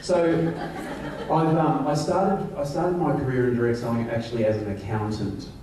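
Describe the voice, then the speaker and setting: A warm, steady, medium-pitched man speaks at a moderate pace. He's an Australian company executive in his forties, delivering a joking, self-deprecating rally speech full of fillers from a stage in a large event hall. The recording is echoey and distant, with crowd noise.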